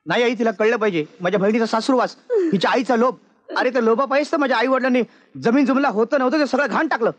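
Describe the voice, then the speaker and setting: A man's voice: very high-pitched, fast. An actor playing a scheming young husband who mocks his in-laws in a taunting, sarcastic way, in a film scene. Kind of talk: film acting.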